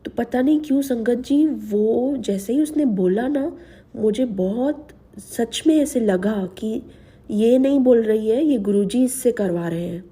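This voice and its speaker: Slow, earnest woman with a sore throat. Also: fairly high pitch, dark tone, slightly rough. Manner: slow, earnest, mixes English words into Hindi. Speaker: devotional channel host. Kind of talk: personal testimony to a spiritual audience.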